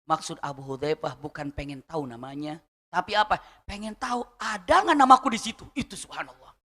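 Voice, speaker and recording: A man preaching a sermon, telling a story with lively questions to the audience. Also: a little high, fairly quick, long reverb tail.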